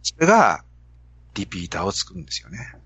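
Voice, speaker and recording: A man with a Kansai accent hosts a podcast, telling an animated story to make a business point. His voice sits low, a little husky, with lively swings in pitch. The sound is dry and somewhat dull. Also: a little fast, no room sound. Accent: Kansai Japanese. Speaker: podcast host. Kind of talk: casual podcast talk.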